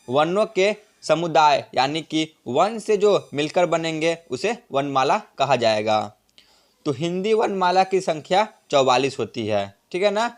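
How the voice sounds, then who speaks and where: Higher-voiced man teaching grammar. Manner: repeats points, tag "ठीक है ना" often; drawn-out vowel sounds as examples. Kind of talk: Hindi grammar lesson.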